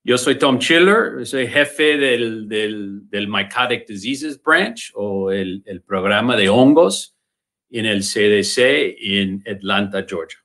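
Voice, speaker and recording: A native English-speaking man from the United States, with an American accent, gives a lecture in Spanish as an invited speaker at a virtual conference, often repeating words while searching for the right ones. His voice is lowish, expressive, slow, and a bit bright, picked up by a computer mic on a video call.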